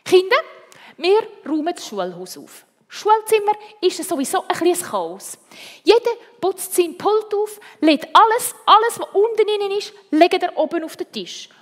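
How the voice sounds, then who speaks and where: A warm, fussing teacher mouse from a storybook with a high, swooping sing-song voice, as a woman puts her on. She speaks slowly. A long church reverb surrounds it. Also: big pitch swings, full character voice. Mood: emphatic. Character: kindly schoolteacher mouse, woman.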